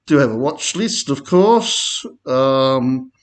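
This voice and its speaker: Slow laid-back Australian man. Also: medium pitch, lively intonation. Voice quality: laid-back, slangy, rambling. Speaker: crypto chart commentator. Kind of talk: casual chart commentary.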